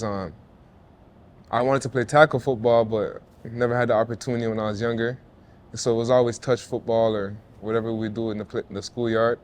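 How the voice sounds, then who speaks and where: Mid-pitched and laid-back, a man from Jamaica who grew up in Toronto talks as an interview guest about his life as a former football player and artist. The conversation is casual and reflective, and he sounds earnest, with plenty of "you know" and "like" and some restarts.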